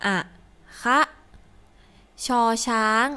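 A woman slowly reading a children's story and then drilling letters and vowels aloud, word by word, as a teacher. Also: pushed and bright. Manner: slow, deliberate, word-by-word reading. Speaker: teacher reading a first-grade Thai textbook.

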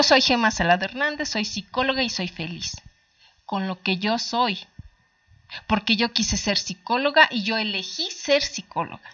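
A woman's voice: mid-range voice, bright, forceful tone, dry recording, dull audio. A middle-aged woman psychologist with a Mexican Spanish accent, giving colloquial advice and asking her listeners rhetorical questions. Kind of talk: talk-show advice talk.

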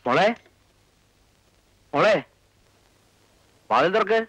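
A man's voice: high-pitched, expressive, drawn-out words, a bit bright, no room sound, heavily acted. An actor playing a sly male kidnapper who coaxes a girl, his voice muffled and distant through a closed door. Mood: coaxing. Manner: coaxing, wheedling. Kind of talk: film drama acting.

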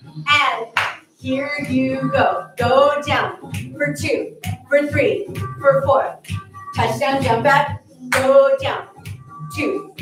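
A woman's voice: high voice, extremely slow, pauses often. A woman fitness instructor calling out counts and cues in short, punchy, encouraging commands with upbeat energy. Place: indoor fitness studio with wooden floor. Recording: distant echoey studio with music playing. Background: workout music.

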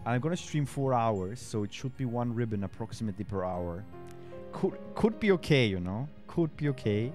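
Over soft background music, an Austrian man in his thirties gives casual let's-play commentary, musing aloud and answering his chat. Though Spanish is his first language, his English carries a German accent. Speaking into a headset mic at a desk, he has a mid-range voice and an animated delivery at a moderate pace.

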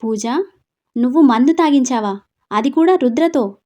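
An angry middle-aged mother grills her daughter in sharp, demanding bursts, voiced by a woman reading aloud. Her voice sits fairly high. Storybook drama. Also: animated, moderate pace, highs cut off. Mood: shocked.

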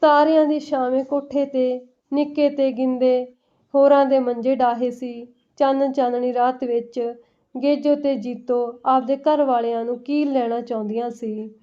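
High-voiced woman storyteller. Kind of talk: storybook narration. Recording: dull lo-fi recording.

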